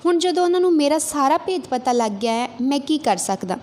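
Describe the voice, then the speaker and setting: Woman doing a poor male hunter, earnest, emotional, high voice. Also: lively intonation, a little fast, a little mellow. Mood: bewildered. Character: poor humble male bird hunter, pleading then angry.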